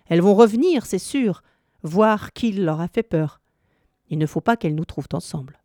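A woman's voice: expressive, moderate pace, warm tone, no echo, clean studio sound, natural voice. A woman voicing a clever, bold male cat in a storybook reading, raising her voice as he schemes and urges his friends on. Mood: urgent. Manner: eager, scheming, higher than her narration.

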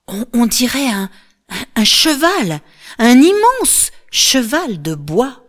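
A woman voicing a gentle, hopeful young widow with light, wondering exclamations. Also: a little high, animated, moderate pace, voice pushed up.

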